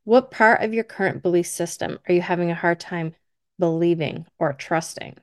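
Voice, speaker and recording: A woman speaking as a Reiki healer and teacher, giving spiritual guidance in a soft, soothing, breathy manner. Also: lowish voice, normal speed, no room sound. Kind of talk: spiritual wellness lesson and guided relaxation. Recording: close dry voice over faint music.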